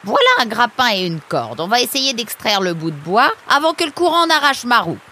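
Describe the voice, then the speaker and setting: Woman putting on a fussy little animal lady, squeaky and loud, pitch flying all over, breathy. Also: a little fast, exaggerated voice. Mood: excited. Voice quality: exclamatory, high and excited. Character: fussy excitable female animal, mill keeper. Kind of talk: storybook character voice.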